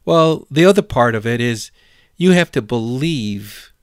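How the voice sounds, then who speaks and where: A man preaching a sermon, slow and deliberate, asking his listeners question after question. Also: medium pitch, expressive, clean tone, no echo, clean studio sound.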